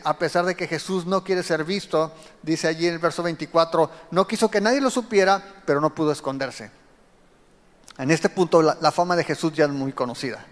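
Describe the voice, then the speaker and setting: A man's voice: high-pitched, long reverb tail. A man preaching a sermon, explaining scripture and speaking directly to his listeners. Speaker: pastor.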